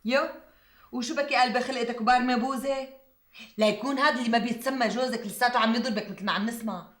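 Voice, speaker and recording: A woman's voice: on the high side, fairly bright tone, echoey room, lightly acted. A woman playing a mocking Damascene gossip. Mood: taunting. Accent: Damascene Arabic. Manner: taunting, quick, biting. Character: sharp-tongued gossiping woman, provocative and mocking. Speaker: hostess of a women's gathering. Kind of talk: TV drama acting.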